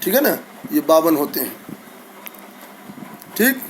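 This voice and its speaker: A man's voice: fairly high pitch, very animated, slow pace, a little hiss or hum, low-quality recording. A man teaching a lesson to school students, patiently reciting letters one by one and speaking to his pupils kindly. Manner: addresses pupils warmly, sends blessings.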